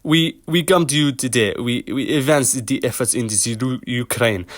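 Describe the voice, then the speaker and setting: A gruff, self-important Russian strongman making a speech to his people, as a man puts him on. The mock Russian accent is clumsy and half-hearted. The voice sits at a middling pitch, recorded close and dry. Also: moderate pace, no room sound, lightly acted. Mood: pompous.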